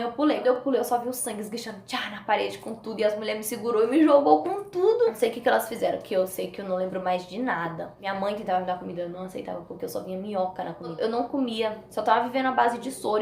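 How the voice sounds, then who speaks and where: A woman with a Brazilian Portuguese accent telling a personal story as a vlogger, animated and acting out the voices of the people in it. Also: medium pitch, vocal fry. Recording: echoey room with faint noise.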